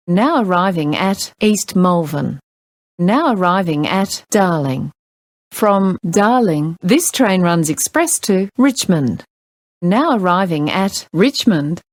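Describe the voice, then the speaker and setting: A woman with an Australian accent reads automated-style train announcements in a slightly low voice. Her pitch moves up and down in a lively way within short, formal phrases. The words are unhurried and sound spliced together from separate recorded pieces, with a very dry sound. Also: dry recording. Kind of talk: pre-recorded public transport announcements.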